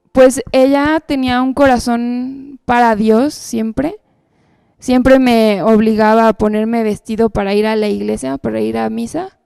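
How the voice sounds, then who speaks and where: A woman shares her personal testimony at church in an earnest storytelling manner. Her fairly high voice carries a gravelly edge yet stays smooth and resonant. The recording is dry and close. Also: dark tone, dry recording. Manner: earnest storytelling with frequent tag questions. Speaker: church speaker giving testimony.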